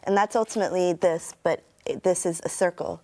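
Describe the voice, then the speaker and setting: A woman's voice: fairly low pitch, fairly even intonation, fairly quick, mellow. A middle-aged woman with a standard American accent, answering interview questions in a reflective, explanatory way. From United States. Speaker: interview guest, turntablist and sound artist.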